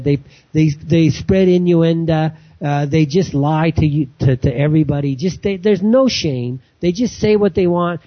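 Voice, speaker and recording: A man's voice: fairly high pitch, breathy edge, highs cut off. A man hosting a talk radio show, talking in a rambling monologue with many restarts and fillers, from a room indoors.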